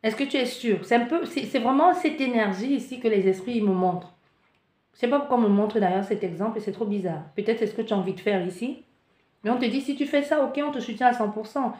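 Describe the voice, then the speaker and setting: Animated woman reading tarot, echoey room. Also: fairly high pitch, fast talker. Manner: animated, acts out the listener's panic in asides; many restarts and searching for words. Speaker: tarot card reader. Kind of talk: spiritual guidance with a card reading.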